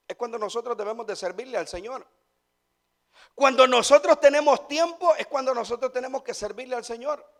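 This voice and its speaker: A man, a pastor preaching a sermon with rhetorical questions and repeated phrases. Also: very high voice.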